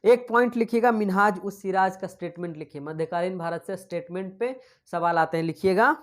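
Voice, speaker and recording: A woman's voice: fairly low pitch, a little fast. A woman giving an exam-prep history lecture, dictating notes and asking and answering her own questions in a chatty way with English terms mixed in. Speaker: history teacher.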